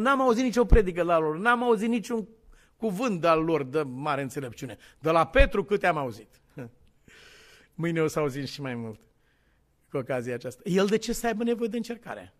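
A man preaching a sermon in a lively, conversational way, acting out biblical dialogue with humorous asides. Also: high-pitched. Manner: animated storytelling, acting out dialogue. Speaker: pastor.

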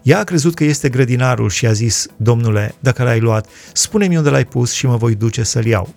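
A man reading Bible passages aloud and explaining them in a measured way, citing chapter and verse. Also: mid-range voice, creaky, darkish tone, faint music behind. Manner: measured reading with scripture references. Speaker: Bible teacher.

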